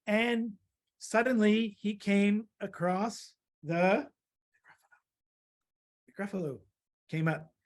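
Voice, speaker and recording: A woman reading a children's story aloud and drawing along, lively and laughing, jumping into small character voices. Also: medium pitch. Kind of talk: storytime read-aloud for kids.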